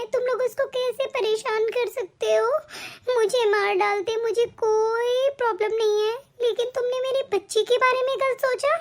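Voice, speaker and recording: Woman voicing a young wife, very high voice, aggrieved, defiant, cartoon, faint music behind. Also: fairly bright tone. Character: wronged young wife and mother. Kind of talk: animated cartoon voice acting.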